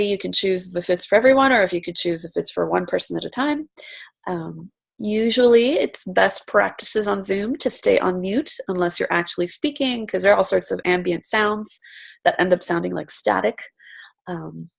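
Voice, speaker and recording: A Romanian woman with a medium-pitched voice and some vocal fry hosts an online coaching session by video call. She's upbeat and chatty, greeting each guest by name in a casual welcome and introduction.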